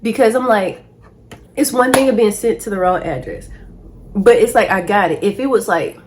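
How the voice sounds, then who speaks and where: A woman's voice: medium pitch, moderate pace, slight background noise. Slangy young woman telling a storytime. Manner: slangy, animated, laughs often. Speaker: vlogger. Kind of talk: casual storytime.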